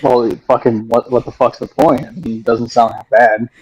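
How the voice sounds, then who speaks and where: A man's voice: mid-range voice, steady tone, moderate pace, darkish tone, breathy edge, no room sound, poor audio. A young man chatting casually between scenes, rambling and swearing often. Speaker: voice actor in a fan audio drama.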